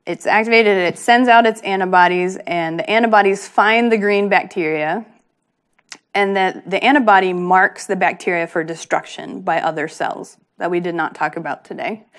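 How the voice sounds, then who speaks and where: A woman's voice: mid-range voice, normal speed, fairly bright tone. A woman research scientist giving a patient, plain-spoken public lecture, with frequent ums.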